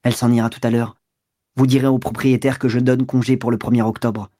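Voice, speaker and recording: A man's voice: medium pitch, level tone, fairly quick, mellow, no room sound, clean studio sound, lightly acted. A man reading an audiobook, voicing a cold, self-serving man who speaks in curt threats.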